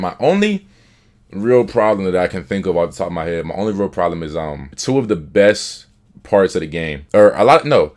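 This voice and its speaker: A man's voice: sits low, a little mellow. A young man casually reviewing a game he played, talking loosely with slang, laughter and half-finished restarts. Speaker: gaming YouTuber.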